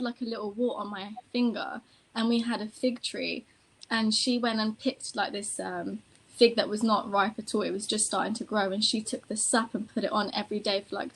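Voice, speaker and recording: Woman, from Iran, panel guest, passionate storytelling, fairly high pitch. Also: rough recording. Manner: animated, passionate storytelling with many fillers. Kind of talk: casual panel conversation.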